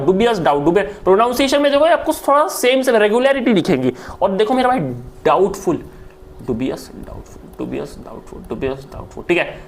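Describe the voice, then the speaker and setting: A man with an Indian accent teaching English vocabulary in a lively, chatty online lecture, repeating words aloud and calling listeners brother. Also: high voice. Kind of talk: online exam-prep lecture.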